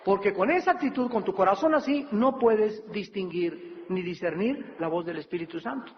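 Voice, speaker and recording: A man preaching a sermon as a pastor, animated, acting out pleading voices of troubled people. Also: high voice, normal speed, slight background noise. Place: church or studio hall. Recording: dull reverberant hall recording.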